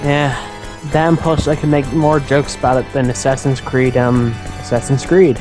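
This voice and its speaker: Over video game music, a man with a medium-pitched voice talks at normal speed in a level tone. He's a let's play co-commentator, chatting casually and cracking jokes.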